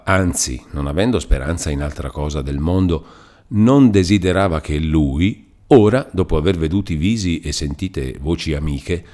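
A man reading a classic novel aloud as an audiobook narrator, measured and expressive. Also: deep voice.

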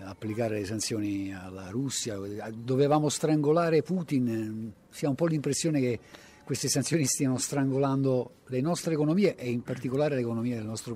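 A man with a mid-pitched voice works as a radio street interviewer. He puts questions to passers-by in a chatty, teasing manner. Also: mellow, husky. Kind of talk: vox-pop interviewing. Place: outdoors in city streets.

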